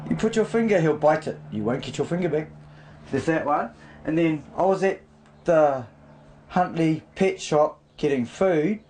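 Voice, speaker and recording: A man with a New Zealand accent rambles casually and with emphasis. His voice sits a little high. It is a noisy amateur location recording. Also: darkish tone. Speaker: interviewee showing his home and pets.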